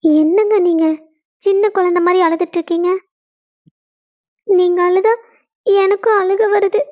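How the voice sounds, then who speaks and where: A woman's voice: very high-pitched, steady tone, measured pace, muffled recording. A woman voicing a caring young wife who soothes her husband, with a Kongu Tamil accent. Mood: soothing. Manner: soothing, pleading.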